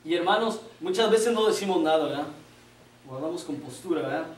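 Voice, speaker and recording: A man's voice: on the high side, lively intonation, a little fast. A man preaching a sermon in a conversational, joking way, often asking his listeners "¿verdad?". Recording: echoey, distant room mic, faint ambience.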